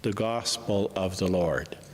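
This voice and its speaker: A man, a priest, reading the gospel and preaching a homily in a slow, measured way, his voice ringing in the long reverb of a large church. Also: sits low, a little hiss or hum. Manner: slow, measured, unhurried delivery.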